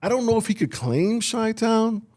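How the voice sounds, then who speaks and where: A man's voice: high-pitched, lively intonation, normal speed, darkish tone. Chatty man co-hosting a podcast. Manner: chatty, hesitant with fillers and restarts. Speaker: podcast co-host. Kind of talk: casual podcast chat.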